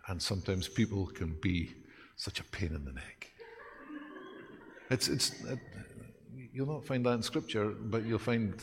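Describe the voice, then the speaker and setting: A man preaching a sermon as pastor, lively and self-deprecating, with dramatic pauses. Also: lowish voice, long reverb tail, slight background noise.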